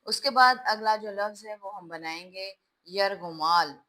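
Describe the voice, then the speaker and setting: A woman's voice: mid-range voice, measured pace, sharp tone, poor audio. A woman teaching a class, patiently spelling out words letter by letter and explaining how each one is written. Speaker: Urdu teacher.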